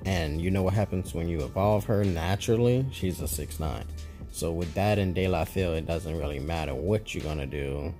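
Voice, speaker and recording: Over soft background music, a man with a low, mellow voice gives relaxed gameplay commentary on a card game for his YouTube channel at a moderate pace. His talk wanders and stays chatty, and he laughs whenever he slips up.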